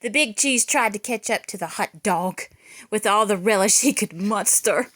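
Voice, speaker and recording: Reading a picture book to children, this woman delivers the story with dramatic, theatrical emphasis. Her voice is mid-range and a bit bright, at a normal speed.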